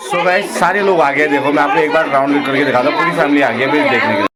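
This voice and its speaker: A man's voice: fairly high pitch, fast talker, over a noisy crowd. Chatty guy with a kumaoni accent vlogging at home on his phone, music playing behind him. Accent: Kumaoni-tinged Hindi. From Uttarakhand, India. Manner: chatty, laughing, addresses viewers as guys and friends. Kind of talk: casual vlog chat. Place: family home indoors.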